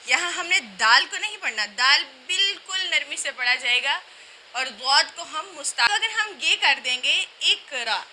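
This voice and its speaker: A woman teaching a recitation class, explaining pronunciation and slowly repeating sounds and words to demonstrate them. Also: high voice, animated, pushed and bright, a little hiss or hum, low-quality recording.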